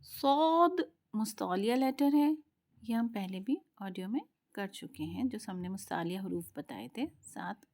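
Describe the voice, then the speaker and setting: Slow, patient woman teaching recitation. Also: medium pitch, animated, gravelly, darkish tone. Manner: slow, patient explaining, drawing out letter sounds in practice drills. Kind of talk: tajweed lesson.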